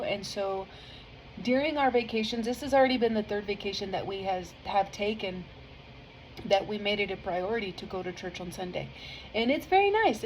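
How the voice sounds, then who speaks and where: A woman speaks straight to her viewers in a loose, chatty testimony. Her voice sits at an ordinary middle pitch, and she wanders through her story with ums and restarts. She is soft-hearted and sincere, the kind who cries easily when talking about her faith. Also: a little hiss or hum, rough recording. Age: adult with a family. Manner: earnest and heartfelt, rambling with many fillers; emotional, easily moved to tears. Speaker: vlogger sharing a faith testimony. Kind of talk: casual spoken testimony.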